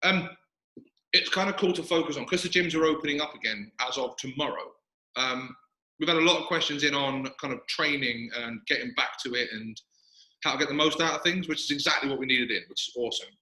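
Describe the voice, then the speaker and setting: Male podcast host, quick and self-mocking, recorded with big hall echo in a gym. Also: mid-range voice, bright, forceful tone. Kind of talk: casual chat. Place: echoey gym, sitting in a squat rack. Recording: echoey gym room.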